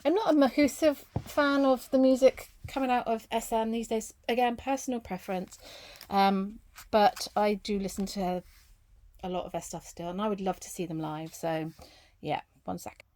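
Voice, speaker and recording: A woman talks casually to camera at an ordinary middle pitch. She rambles along with frequent ums and restarts. A faint noise sits under her voice. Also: steady tone, normal speed, a little mellow. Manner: chatty and rambling, many ums and self-corrections. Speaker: vlogger showing her album collection.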